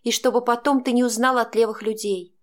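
A woman voicing a defiant young pregnant daughter who speaks in an agitated, sharp way. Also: on the high side, steady tone, fairly quick, natural voice.

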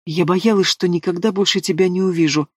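A man reading the lines of a frightened young woman who speaks softly with a trembling voice. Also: sits high, fairly even intonation, brisk, breathy edge, dry recording, studio quality. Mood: tearful soft. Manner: trembling, soft. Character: frightened, tearful young heroine.

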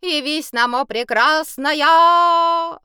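A woman voicing a tipsy, pompous male elf bard in an audiobook, talking in a high, flowery, theatrical way. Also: lively intonation, normal speed, a bit bright, smooth, no room sound, studio quality, natural voice. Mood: serenading.

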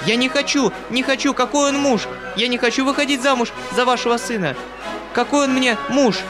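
A man's voice: extremely high pitch, fairly quick, over music, pitched above the performer's own voice. A man voicing a frightened, timid young lady crying out in refusal. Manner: crying out in fear.

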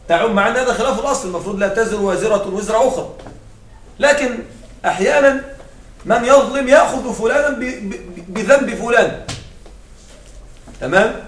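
High-voiced man lecturing in an echoey room. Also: slight background noise. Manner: explains step by step, often asks the class to confirm. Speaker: Arabic grammar teacher. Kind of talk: classroom lecture. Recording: echoey room, far from the mic.

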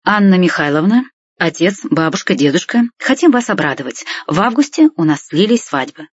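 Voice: mid-range voice, very animated, fairly quick, husky, no echo. Brief: young groom, put on by the storyteller, formal and polite, dull lo-fi sound. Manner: formal, announcing.

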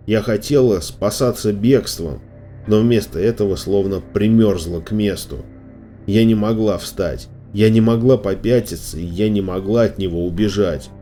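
A man narrating a storybook in a steady, measured reading voice. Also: fairly low pitch. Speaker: audiobook reader. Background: faint music.

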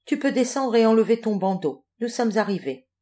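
A woman's voice: fairly high pitch, very animated, moderate pace, warm tone. A woman voicing a grumbling, kindly male pelican in a children's audiobook. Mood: calm. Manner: grumbling, reassuring. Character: grumbling male pelican, a patient helpful friend.

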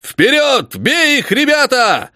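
A man's voice: medium pitch, animated, fairly quick, no room sound, clean studio sound, lightly acted. A man voicing a hot-headed older colonel who talks brusquely and impatiently. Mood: charging.

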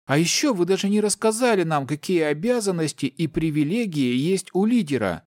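A man's voice: a little high, animated, fairly quick, a little mellow, dry recording, clean studio sound, pitched above the performer's own voice, lightly acted. A man voicing a small, outspoken young gnome girl who protests and objects in an audiobook. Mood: indignant. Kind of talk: audiobook character voice.

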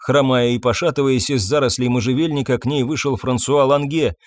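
A man narrating an audiobook in a measured storytelling manner. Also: medium pitch, steady tone, no echo, clean studio sound. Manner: measured storytelling, voices figures himself. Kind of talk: scripted narration.

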